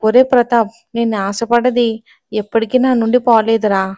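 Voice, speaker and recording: A woman's voice: on the high side, steady tone, moderate pace, darkish tone, dry recording, natural voice. Gloating male villain for an audio drama voiced by the female narrator; taunting, raised voice.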